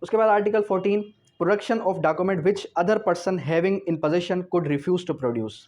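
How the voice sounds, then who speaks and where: A man with a high-pitched, darkish voice takes his time through an explanatory law lecture, switching between reading clauses and explaining them while posing and answering his own questions. Sound quality is dull and lo-fi.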